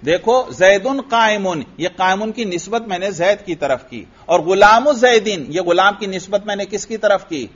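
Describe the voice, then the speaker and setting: A man with a high voice teaches a grammar lesson, putting questions to the class and answering them himself. He goes back over each point patiently. The recording is dull and lo-fi. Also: animated, moderate pace, hardly any pauses. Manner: repeats points for students. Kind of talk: Arabic grammar lesson in Urdu.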